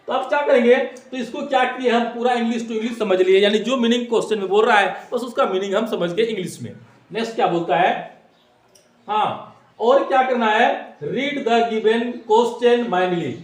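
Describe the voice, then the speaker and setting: A man's voice: very high voice, a bit bright. A man teaching exam tips in a classroom style, repeating points and asking rhetorical questions while mixing in English phrases. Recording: echoey room.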